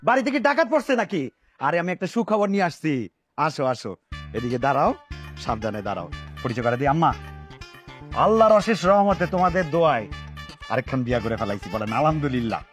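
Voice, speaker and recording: A man playing a fast-talking scheming husband. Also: fairly high pitch, soft background music. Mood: boastful. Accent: Bangladeshi Bangla dialect. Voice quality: animated, lively, fast talker. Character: scheming husband who takes a second wife. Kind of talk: comic TV drama.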